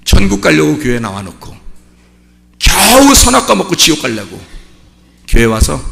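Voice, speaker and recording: Animated pastor, shouting in a reverberant hall. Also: male voice, fairly high pitch, normal speed, creaky. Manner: animated, swings from soft asides to shouting. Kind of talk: sermon. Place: church sanctuary.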